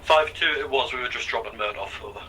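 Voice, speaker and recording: A man heard over an in-game radio, reporting in brisk, clipped voice procedure as a player in a military simulation. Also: mid-range voice, bright, forceful tone, slight background noise, low-quality recording. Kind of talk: radio procedure callsign talk.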